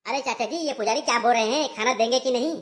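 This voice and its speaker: A woman's voice: on the high side, fast, close to an everyday voice. A woman voicing a naive, eager young man in a cartoon comedy. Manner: gullible, eager. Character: naive young male sidekick, greedy for food.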